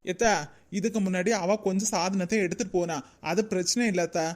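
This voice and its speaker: A woman voicing a sensible young daughter-in-law with a Kanyakumari Tamil accent, calm and persuasive, in a cartoon. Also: on the low side, brisk, natural voice.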